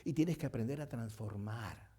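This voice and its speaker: A man preaching a sermon as pastor, emphatic and repetitive, swinging from loud declarations to hushed phrases. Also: mid-range voice, normal speed, husky.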